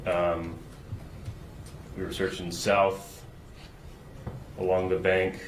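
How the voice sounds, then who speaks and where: A man testifying as a search and rescue witness, answering questions haltingly with fillers, played from a courtroom recording. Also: low-pitched, level tone. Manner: halting, with many fillers and restarts. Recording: roomy courtroom recording with background noise.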